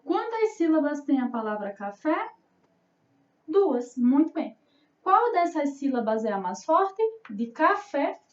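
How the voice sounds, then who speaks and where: A Brazilian primary school teacher with a high, very animated voice gives a remote class to young children in Brazilian Portuguese. She speaks slowly, drawing out syllables and answering her own questions in a sing-song way. The lo-fi recording sounds roomy, distant and dull.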